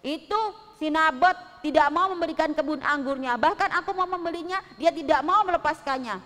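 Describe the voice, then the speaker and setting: A woman's voice: sits high, a little fast, bright, forceful tone, pitched above the performer's own voice. A woman voicing a spoiled, sulking adult king in a children's story, petulant and whiny. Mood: aggrieved. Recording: long hall reverb.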